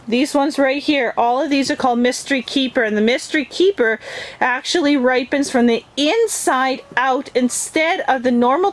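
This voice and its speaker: Middle-aged woman, eager garden vlogger, slightly high voice, handheld camera outdoors. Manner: enthusiastic, chatty, gets excited about plants. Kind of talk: casual garden tour. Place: outdoors, greenhouse and yard.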